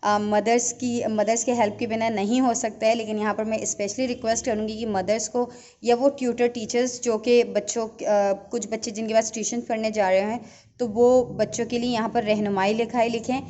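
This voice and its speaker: A woman teacher giving an online Urdu lesson to young children, explaining slowly and patiently and checking in often. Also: fairly high pitch, flat delivery, warm tone, lo-fi sound, slight background noise. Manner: patient, slow teacher talk with repeated checks.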